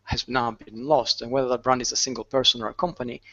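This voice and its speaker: A man speaking as a guest on a video-call panel, thoughtful, restarting his sentences and filling pauses with ums. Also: medium pitch, steady tone, a bit bright, lo-fi sound.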